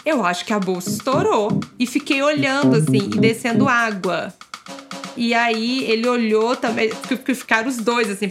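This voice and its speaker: A young adult woman casually telling her own birth story, acting out the dialogue in lively turns. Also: a little high. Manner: lively, acts out quoted dialogue.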